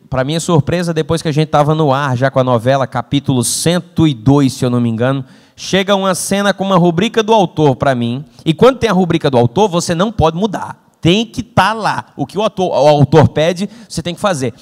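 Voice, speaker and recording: A man's voice: a little high, brisk. A young man giving a humorous motivational talk at an event, telling stories with acted-out dialogue. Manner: animated storytelling with acted-out dialogue. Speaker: invited speaker. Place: event hall. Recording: long hall reverb.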